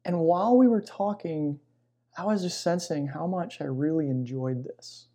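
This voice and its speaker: A middle-aged man, a chaplain being interviewed, telling personal stories in a reflective, conversational way with pauses mid-phrase. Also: fairly high pitch, dark tone. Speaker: military chaplain and pastor, interview guest. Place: inside a church.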